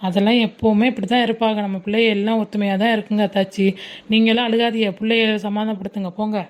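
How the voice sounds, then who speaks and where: Brisk chiding woman. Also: medium pitch, level tone.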